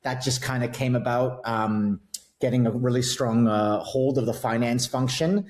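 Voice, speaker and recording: This guest CFO on a podcast is a middle-aged man with a Canadian accent who keeps things informal, self-deprecating, and packed with fillers. He has a mid-range, slightly mellow voice and talks at a moderate pace.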